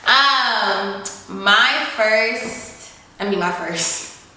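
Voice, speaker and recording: A woman in her 20s chats casually beside her partner, giggling as she answers questions from followers and saying "y'all." Her medium-pitched voice is bright and forceful, with lively intonation and drawn-out words. The room is echoey and the mic is at a distance.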